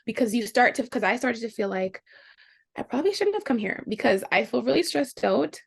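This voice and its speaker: A young Jamaican woman, a guest in a casual interview, telling her experiences in an animated way, her pitch leaping up for the reactions she quotes. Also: fairly quick, gravelly, husky.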